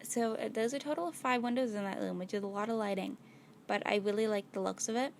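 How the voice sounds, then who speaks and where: A woman with a tired, slightly worn voice from losing it, chatting casually as she narrates a build video. She talks at a middling pitch and thinks aloud as she works, peppering her talk with "like" and "gonna go ahead". A faint hiss sits under the voice. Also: fast talker, creaky. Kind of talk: casual gameplay voice-over.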